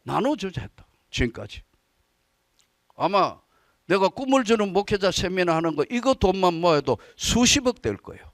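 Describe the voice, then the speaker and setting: A male pastor giving an evening sermon at a church service, retelling a story in an animated, dramatic way. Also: sits high, normal speed, no room sound, clean studio sound.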